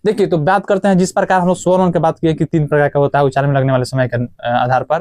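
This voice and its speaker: A man's voice: a little high, little pitch movement, rapid-fire, darkish tone, no room sound, clean studio sound. A young man teaching an exam-prep grammar lesson in a casual way, asking questions and answering them himself and repeating the key points. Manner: casual, addresses viewers as friends and brother.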